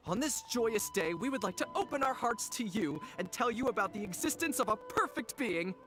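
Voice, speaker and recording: A woman's voice: fairly high pitch, expressive, a little fast, over music, lightly acted, poor audio. A woman voicing a zealous adult fan-club leader in a video game, who speaks in a preachy, rousing manner. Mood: coaxing.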